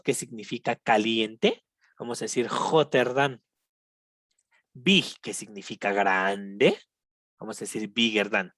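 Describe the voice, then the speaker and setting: A patient Mexican English teacher gives a recorded online grammar lesson in a mid-range voice, captured with a dry, close sound. She repeats each example, checks in with her students, and switches between Spanish and slow English examples.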